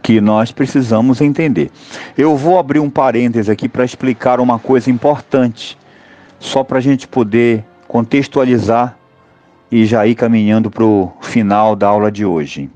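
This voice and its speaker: A Brazilian man teaching an online music seminar, talking in a halting way with many fillers and tag questions. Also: medium pitch, mellow, highs cut off. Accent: Brazilian Portuguese.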